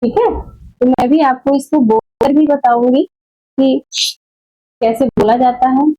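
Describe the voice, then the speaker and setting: A woman teaching a Hindi grammar lesson, explaining slowly and deliberately and correcting common mistakes. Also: sits high, narrow, tinny audio, faint music behind. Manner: slow, deliberate explaining with repeated checks; corrective, scolding about wrong teaching. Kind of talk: exam-prep grammar lesson.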